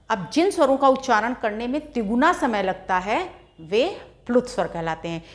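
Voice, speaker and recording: A woman teaching an exam-prep grammar lesson, explaining step by step, asking rhetorical questions and sounding out letters slowly as examples. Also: on the high side.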